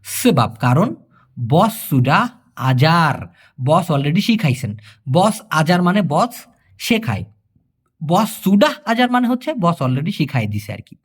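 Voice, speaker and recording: Lively high-voiced man teaching a language. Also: husky. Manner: repeats phrases slowly, then translates each word; lively, sing-song delivery. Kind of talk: spoken language lesson.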